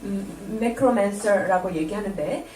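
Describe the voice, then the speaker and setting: A woman's voice: mid-range voice, very slow, dark tone, a little hiss or hum. A woman interpreting a sermon into Korean, speaking to the congregation in a polished, explanatory way. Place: church sanctuary. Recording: echoey church hall, distant mic.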